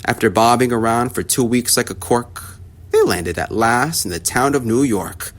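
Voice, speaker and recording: A man reading a rhyming children's story aloud with expressive, rhythmic storytelling. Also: medium pitch, moderate pace.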